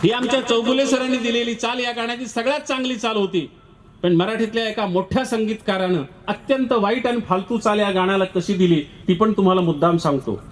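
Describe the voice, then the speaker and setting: A man's voice: sits high, brisk, slight background noise. A man, a poet and professor, giving a public lecture where he recites verses and then explains them in plain speech.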